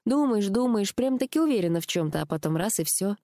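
A woman's voice: medium pitch, expressive, fast talker, mellow, no echo, clean studio sound, pitched above the performer's own voice, natural voice. A woman reading an audiobook, voicing a talkative, teasing young female friend. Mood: musing. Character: chatty, nosy young woman friend on the phone.

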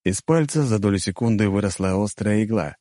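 A man narrating a fantasy audiobook in the first person, measured and even. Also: on the low side, no echo, clean studio sound.

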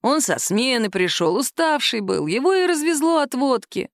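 A woman voicing a calm, caustic male police captain who questions a suspect slowly in an audiobook. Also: sits high, no echo, pitched above the performer's own voice. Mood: dry. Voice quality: nagging, dry. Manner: slow, calm, measured interrogation.

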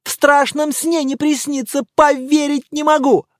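A reader voicing an excitable male journalist shouting news down the phone in a loud, breathless gossiping rush, in a dry audiobook recording. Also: high-pitched, unhurried, no room sound, voice pushed up. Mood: excited.

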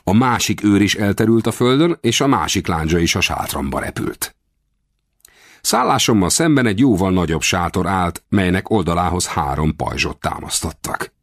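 A man narrates an adventure audiobook in the first person, his low voice moving lively up and down. He reads expressively and climbs higher whenever characters shout. The sound is close and dry, with no room around it. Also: dry recording. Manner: expressive, raises pitch for shouted dialogue.

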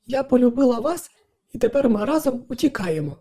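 A man's voice: very high voice, big pitch swings, brisk, dark tone, voice pushed up, exaggerated voice. A man voicing a lovesick female ship computer, her voice slightly unsteady and trembling. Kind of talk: audiobook narration.

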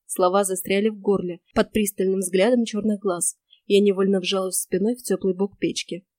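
A woman's voice: mid-range voice, moderate pace, dry recording. Woman narrating an audiobook, dry sound. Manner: lively storytelling, first person.

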